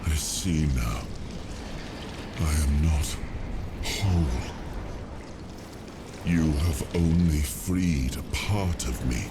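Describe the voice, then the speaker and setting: An actor playing the weary spirit of a fallen king in a video game, noble and solemn, speaking in measured, regal phrases. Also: very deep voice, background noise, heavily acted. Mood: weakened. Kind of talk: dramatic video game acting.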